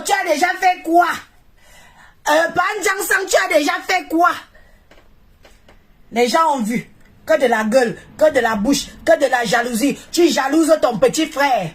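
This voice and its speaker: A woman from Cameroon hosting a live stream, chanting praise in repetitive, exclamatory bursts. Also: high-pitched. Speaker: social media live streamer. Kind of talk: live stream hype and commentary.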